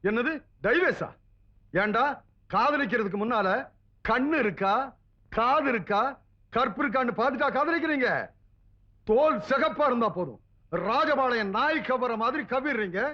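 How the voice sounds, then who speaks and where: A bride's father, with a very high voice. He pleads, scolds and lectures in fast comic banter. The old film soundtrack is dull. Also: animated. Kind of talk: 1990s film comedy dialogue.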